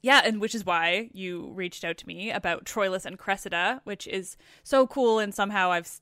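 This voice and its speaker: A woman's voice: medium pitch, fairly bright tone, no echo, studio quality. A young Canadian woman hosting a podcast, chatting casually and with self-deprecating humour. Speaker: podcast host. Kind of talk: casual conversation.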